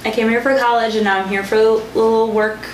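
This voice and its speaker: A woman's voice: a little high, quick pace. Chatty young woman in a roomy space. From Kuwait. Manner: chatty, laughs easily, animated storytelling. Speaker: guest, microbiologist. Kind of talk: casual conversation. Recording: roomy echo, faint background noise.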